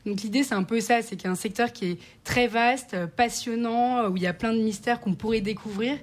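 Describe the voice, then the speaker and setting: A woman's voice: on the high side, fairly quick. A woman in her twenties, a business student guest on radio, explaining eagerly with many fillers. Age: 20s. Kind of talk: radio interview.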